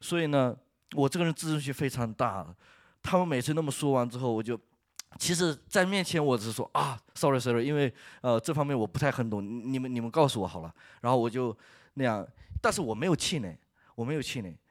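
Man, worship leader, church testimony, earnest, halting restarts, mid pitch, dry close sound. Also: lively intonation, no room sound.

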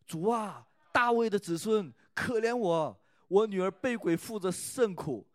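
A man's voice: sits high, lively intonation, unhurried, dry recording, voice pushed up. A male preacher reading out the pleas of a desperate foreign mother begging for help for her daughter. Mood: pleading. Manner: raised, crying-out plea. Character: desperate pleading mother, a biblical foreign woman.

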